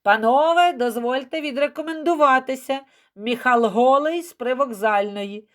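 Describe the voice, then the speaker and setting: A woman voicing a cheeky, quick-witted street boy who talks back and hams it up. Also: sits high, expressive, pitched above the performer's own voice. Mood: theatrical. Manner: cheeky, theatrical.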